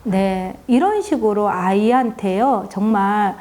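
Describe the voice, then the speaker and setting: A woman and mother gives a reflective talk on raising children, speaking earnestly and confessionally and gently stressing the ends of her phrases. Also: medium pitch, takes it slowly. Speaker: parenting educator and mother.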